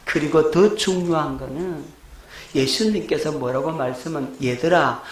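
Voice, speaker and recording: A man's voice: high-pitched, unhurried, vocal fry, roomy sound, low-quality recording. A middle-aged male pastor, preaching a lecture-style sermon and asking his congregation questions. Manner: rhetorical questions to the congregation, shouting acted quotes.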